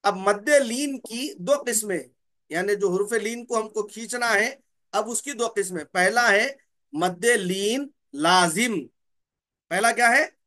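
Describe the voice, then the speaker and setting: A man with a high, pushed, bright voice teaches the rules of Quran recitation in a slow explanatory lesson. He drawls out letter names slowly, repeats key terms, and asks his own questions before answering them.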